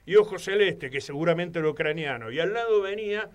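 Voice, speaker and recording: A man with an Argentine Spanish accent, a guest on a radio talk show, rambling through animated anecdotes. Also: high-pitched, fast talker. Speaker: guest commentator. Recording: studio radio microphone.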